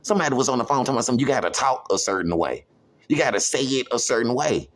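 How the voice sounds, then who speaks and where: A man from the United States talking to camera about his own grievances, repeating himself with lots of "you know" and stretching some phrases out slowly. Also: mid-range voice, expressive. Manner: repetitive, emphatic, heavy use of "you know". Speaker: vlogger. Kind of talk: personal monologue to camera.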